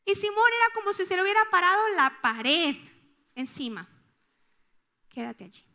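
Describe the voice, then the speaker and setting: A woman pastor with a Colombian accent preaching a sermon, telling a personal story with strong emotion, moving from loud outbursts to hushed tones. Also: extremely high pitch, sing-song, normal speed. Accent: Colombian Spanish.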